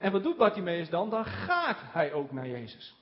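A man preaching a sermon, slowing down on key words for emphasis and chuckling now and then. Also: sits high, huge pitch swings. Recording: dull lo-fi recording.

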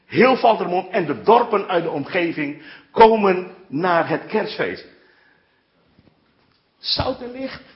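A male preacher telling stories in an animated way, keeping his listeners close with frequent asides. His voice sits a touch high. The recording is dull and lo-fi. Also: a little slow. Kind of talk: sermon.

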